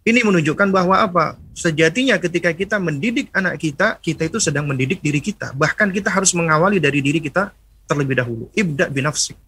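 A middle-aged man preaches a religious lecture on parenting in a bright, somewhat high voice. His tone is husky, and he teaches by asking questions and answering them himself, slipping into short lines of mother and child. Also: quick pace. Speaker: Islamic preacher.

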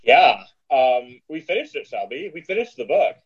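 A man's voice: a little high, very animated, normal speed, breathy edge. A man co-hosting a casual book podcast, muffled as if talking underwater through a headset. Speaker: podcast co-host.

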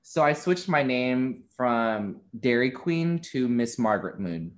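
A young man in his twenties talks openly as an interview guest. His voice sits at an ordinary middle pitch, and he is quick to laugh as he chats. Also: lively intonation. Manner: open and chatty, laughs often. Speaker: content creator being interviewed. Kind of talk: casual interview chat.

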